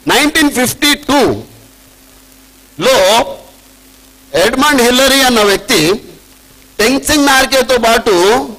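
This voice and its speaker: Animated high-voiced Telangana man. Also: low-quality recording. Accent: Telangana Telugu. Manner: animated, mixes Telugu with slow emphatic English phrases. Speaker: motivational trainer. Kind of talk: motivational talk to students. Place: training hall with an audience.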